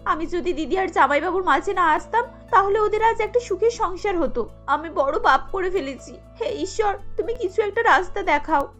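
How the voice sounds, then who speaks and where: A scheming younger sister from a cartoon story, played by a woman. She speaks high and coaxing, in a light register. Faint music plays behind her. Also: lively intonation, normal speed, hardly any pauses, a bit bright. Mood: remorseful.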